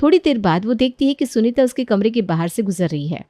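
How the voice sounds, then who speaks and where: A woman telling a children's animated story in a clear, steady narrating voice. It sits slightly high and sounds dry and close. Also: fast talker, dry recording. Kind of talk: scripted narration for a children's cartoon.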